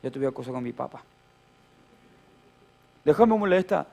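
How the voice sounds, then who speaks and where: A man's voice: medium pitch, lively intonation, unhurried, vocal fry, a little mellow. A middle-aged man with a Rioplatense Spanish accent, preaching a sermon as pastor and telling a childhood story with playful humor and acted-out voices.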